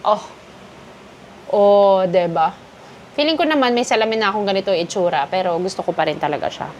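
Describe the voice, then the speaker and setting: A woman's voice: medium pitch, lively intonation, a little fast, muffled recording, slight background noise. A woman from the Philippines chatting casually through a haul vlog, switching freely between Filipino and English. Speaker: vlogger.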